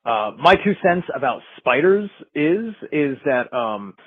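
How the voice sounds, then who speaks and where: A man's voice comes through a tinny, dry phone line as he calls in to a live show. He speaks at an ordinary pitch, measured and unhurried, filling gaps with frequent "uh" and "um" while he lays out his point. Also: big pitch swings, breathy edge, dry recording. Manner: measured, many "uh" and "um" pauses. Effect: phone-line call-in audio. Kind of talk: calling in to share a view.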